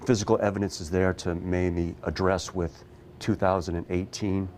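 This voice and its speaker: Deep-voiced matter-of-fact investigator man. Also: little pitch movement, moderate pace, darkish tone, slight background noise. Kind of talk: interview answers.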